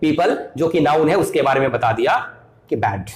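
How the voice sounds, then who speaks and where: Male teacher, grammar lesson, high lively voice, echoey room. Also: moderate pace. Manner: explains step by step, repeats key points. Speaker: English teacher.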